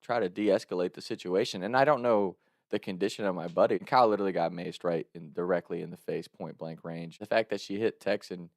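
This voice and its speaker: A young man with a fairly low voice tells a true story in a loose, animated way. He laughs often and acts out the quotes. The recording is close and dry. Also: brisk, dry recording. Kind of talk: casual storytelling.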